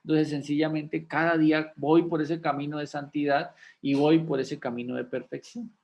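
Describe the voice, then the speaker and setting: A man's voice: on the high side, level tone, moderate pace, creaky, a little mellow, lo-fi sound. A man, a pastor teaching a class in a conversational sermon style, often checking in with rhetorical questions. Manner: folksy, asks rhetorical questions of listeners.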